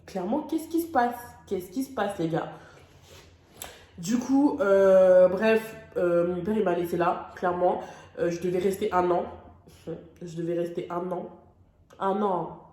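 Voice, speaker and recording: A woman's voice: fairly low pitch, unhurried, mellow. A young woman from France telling a personal story on her vlog, emotional and dramatic, with casual slang. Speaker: vlogger. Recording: echoey room.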